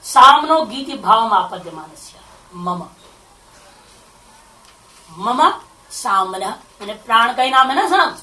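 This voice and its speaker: A woman's voice: fairly high pitch, sing-song, takes it slowly, pauses often, pushed and bright. Woman teaching scripture in an echoey room. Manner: explains Sanskrit phrases line by line, asks rhetorical questions. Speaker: spiritual teacher. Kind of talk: scripture commentary lecture. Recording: echoey room, far from the mic.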